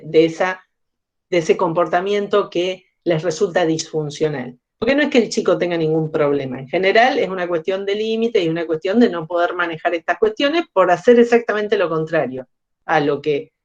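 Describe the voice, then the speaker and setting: A woman's voice: fairly low pitch, moderate pace, darkish tone. A woman giving a psychology lecture, explaining step by step and asking the class questions. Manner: explanatory, asks the audience questions. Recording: slightly dull lo-fi sound.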